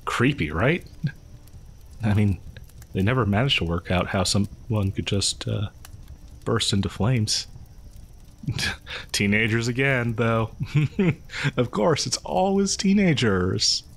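In a horror audio roleplay, a man voices a chatty, creepily friendly killer posing as a partygoer, telling the listener a casual story in a hesitant, conspiratorial ramble with chuckles. It's a full character voice: fairly low, gravelly, husky, animated yet slow, with long pauses and an amused, chatty mood.

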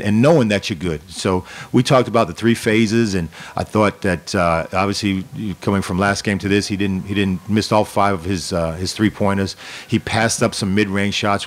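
A middle-aged man, a head basketball coach, answering questions at a post-game press conference in a measured way, often repeating words as he restarts, speaking into a desk microphone. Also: fairly low pitch. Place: press room in front of a sponsor backdrop. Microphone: desk microphone on a stand.

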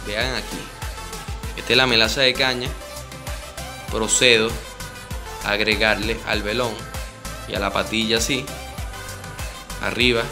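In an indoor room with a home altar, a man with a Venezuelan Spanish accent guides a spiritist ritual, explaining each step to those watching. He speaks directly to viewers and repeats his instructions again and again. His pitch is middle-range, and music is clearly audible behind him.

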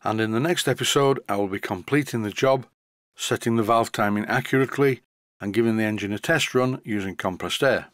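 An older man with a softened northern English accent, narrating an unscripted workshop tutorial voice-over in a relaxed way with a slight stutter, into a high-end studio microphone. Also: fairly quick, no echo. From northern England. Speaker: model engineering tutor.

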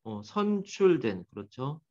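A man's voice: mid-range voice, sing-song, measured pace, darkish tone, muffled recording. A man teaching an English grammar class, quizzing and teasing his students by name as he goes.

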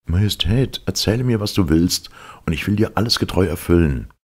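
A man's voice: deep voice, expressive, brisk, voice pushed up. A man voicing an eager, pleading fairy-tale servant. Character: anxious humble male servant.

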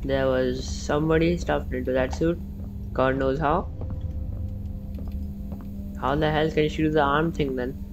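A woman playing a horror game and commentating, reacting loudly and swearing when startled. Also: low-pitched, steady tone, unhurried, long pauses, noisy background. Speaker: let's-play gamer. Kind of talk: gaming commentary.

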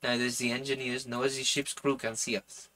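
Man putting on a determined harpooner with French accent, forceful. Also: medium pitch, little pitch movement, moderate pace, close to an everyday voice, poor audio. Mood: resolute, urgent. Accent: put-on French. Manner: urgent, resolute. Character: determined, impatient Canadian harpooner plotting escape. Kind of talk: audiobook character voice.

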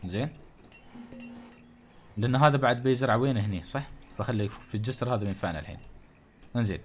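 A gaming channel host with a Gulf Arabic accent gives casual commentary at a quick pace in a medium-pitched voice, recorded on a studio condenser mic. He thinks aloud as he plays and jokingly grumbles at the game's townsfolk.

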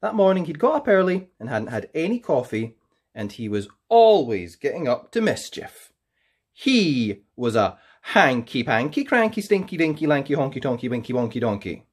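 Reading a children's picture book with theatrical playfulness, this storyteller and read-aloud show host stretches out important words for emphasis. The medium-pitched voice swings widely in pitch, moves at normal speed and sounds slightly rough.

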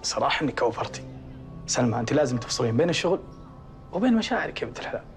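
Brief: a boss, quick-talking and coaxing, soothing a staffer. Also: male voice, medium pitch, very animated, faint music behind. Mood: reassuring. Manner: coaxing, reassuring. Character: man, soothing boss calming an upset employee. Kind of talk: TV drama acting.

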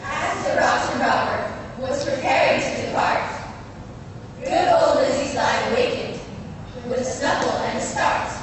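High-pitched female chorus reciting in unison. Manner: theatrical, measured storytelling delivery. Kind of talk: choral verse speaking in unison, a group recitation. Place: large echoey hall at a school assembly. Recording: echoey hall, far mic, noisy.

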